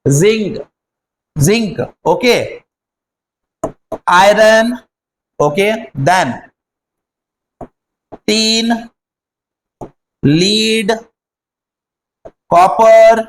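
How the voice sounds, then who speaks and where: A man's voice: high voice, rough recording. A man teaching a chemistry lesson online, repeating key words and quizzing his pupils as he goes.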